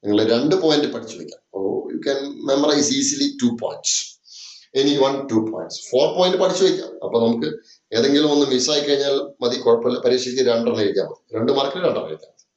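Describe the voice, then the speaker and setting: Speaking a little fast in a mid-range, slightly mellow voice, a man delivers a chemistry lecture to a class. The sound is roomy with the highs cut off. He has a Malayali accent, mixes English with Malayalam, and keeps repeating points, saying "okay" often.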